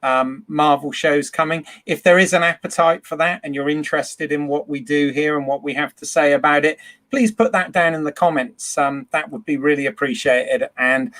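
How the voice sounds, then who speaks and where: A man's voice: on the high side, fairly bright tone. Chatty laughing male podcast host. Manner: chatty, laughs easily, quick to tease. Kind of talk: casual panel chat.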